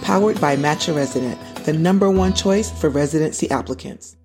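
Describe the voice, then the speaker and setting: A woman's voice: sits low, brisk, a little mellow, faint music behind. A woman hosting an interview podcast, enthusiastic and chatty, peppering her questions with "like" and "okay?". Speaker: podcast host.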